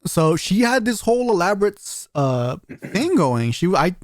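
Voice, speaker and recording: A man co-hosting a casual podcast, talking in a rambling, animated way and laughing often. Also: sits high, normal speed, no echo, clean studio sound. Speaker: podcast co-host.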